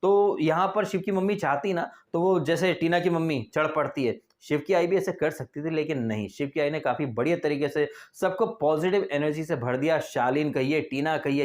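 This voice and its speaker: A man reviewing a reality TV episode in casual, opinionated commentary, full of sarcastic rhetorical asides. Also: fairly high pitch. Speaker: TV show reviewer.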